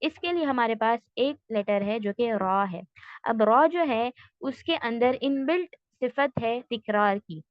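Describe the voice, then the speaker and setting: A woman teaching a tajweed class online, patiently explaining step by step and slowly modelling sounds. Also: a little high, lively intonation, no room sound, muffled recording.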